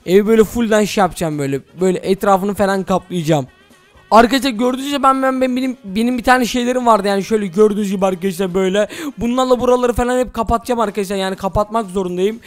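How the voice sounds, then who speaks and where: An excitable man narrating his own Minecraft role-play in a very high, fast voice and talking straight to his viewers. Faint game music plays behind him. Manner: excitable, addresses viewers as "friends". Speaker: gaming channel host.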